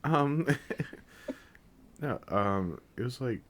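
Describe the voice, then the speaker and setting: A man's voice: mid-range voice, lively intonation, extremely slow. A man co-hosting a casual chat podcast, rambling with fillers and joking as he talks. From Japan. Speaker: podcast co-host.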